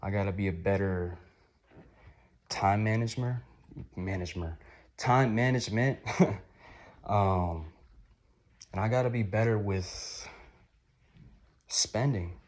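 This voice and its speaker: A man in his twenties, somewhat hoarse, talking through a rambling, upbeat, reflective vlog. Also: fairly low pitch, slow pace, long pauses. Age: 20s. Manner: rambling, upbeat, gently motivational. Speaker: vlogger.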